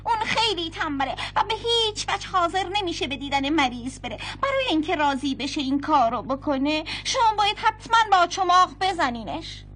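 Brief: scheming cartoon peasant wife, very high persuasive voice. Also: female voice, expressive, few pauses. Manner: sly, persuasive. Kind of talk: cartoon dubbing.

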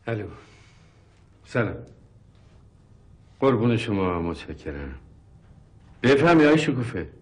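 A man's voice: lowish voice, big pitch swings, pauses often, a little mellow. An actor playing an irritable, skeptical middle-aged professor and father, exasperated and dismissive in a sitcom. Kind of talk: TV sitcom acting.

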